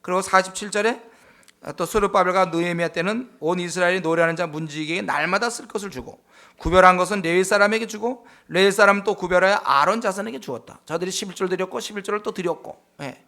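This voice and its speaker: A man's voice: high-pitched, quick pace, bright, forceful tone. A male pastor preaching a Bible study sermon, emphatic, with frequent rhetorical questions and affirming interjections.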